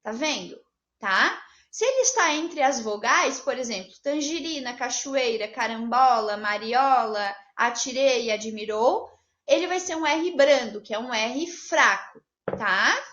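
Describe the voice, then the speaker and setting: A Brazilian woman teaching a Portuguese lesson to children, upbeat and patient, checking in with the class after each point and drawing out example words slowly. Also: a little high, lively intonation, fairly bright tone. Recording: roomy, slightly dull home video audio.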